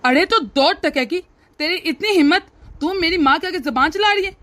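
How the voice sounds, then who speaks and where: A woman's voice: extremely high pitch, lively intonation, normal speed, fairly bright tone. A woman voicing a hot-tempered young husband in a cartoon who blusters and threatens his wife. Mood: threatening.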